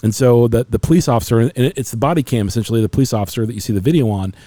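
A man's voice: mid-range voice, rapid-fire, dark tone, no echo. A middle-aged man in casual conversation on a podcast, telling stories earnestly and emotionally, with many restarts.

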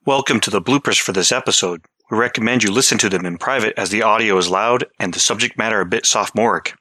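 Relaxed guy hosting a podcast, lots of uhs, bright tone. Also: fairly low pitch, fast talker, no room sound. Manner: relaxed, filler-heavy talk. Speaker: podcast co-host. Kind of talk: casual podcast sign-off.

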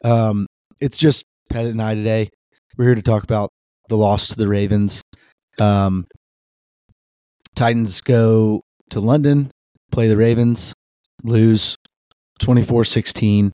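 A man's voice: on the low side, a little mellow, dry recording, studio quality. A man co-hosting a casual sports podcast, rambling with lots of ums and restarts. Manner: rambling with many fillers and restarts. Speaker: podcast co-host.

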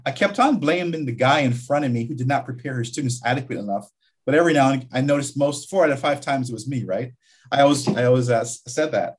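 Man from guyana in an interview, college admin, thoughtful and halting, middle pitch. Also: lively intonation, husky. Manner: reflective, with frequent restarts and fillers. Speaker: community college vice president. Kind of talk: interview conversation.

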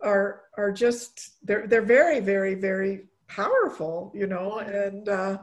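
A middle-aged woman hosting a conversational talk, speaking haltingly and repeating words and phrases for emphasis. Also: medium pitch. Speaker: host of a mothers' prayer group talk. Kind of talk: warm conversational talk with closing reflections.

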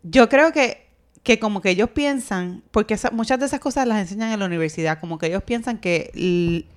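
Woman, Spanglish, casual podcast co-host, mid-range pitch. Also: a little fast. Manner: mixes English words into Spanish (Spanglish). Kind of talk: casual chat.

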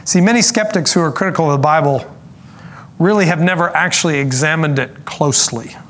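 Earnest preacher man, slightly high voice. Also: a bit bright, slight background noise. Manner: earnest preaching, slows for emphasis, with asides. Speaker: pastor. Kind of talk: sermon.

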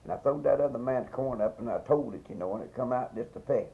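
Very old southern appalachian man telling folksy rambling stories, gravelly creaky voice, muffled old field recording. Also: mid-range voice, quick pace. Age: elderly. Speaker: interviewee recalling local past. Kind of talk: informal oral-history storytelling.

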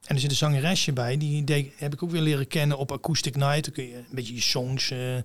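A guest singer-songwriter with a rough singing voice tells a story in casual conversation, speaking a little fast at a medium pitch and in a steady tone. He is blunt, swears freely, and acts out the voices of the other people involved.

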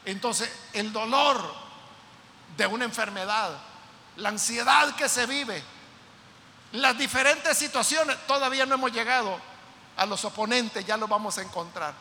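A man's voice: extremely high pitch, unhurried, bright, forceful tone, big-room sound, a little hiss or hum. A man preaching a sermon, explaining scripture to his congregation and checking in with rhetorical questions. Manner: explains with repeated rhetorical "¿verdad?" and addresses listeners as brothers. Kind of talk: sermon teaching on a psalm.

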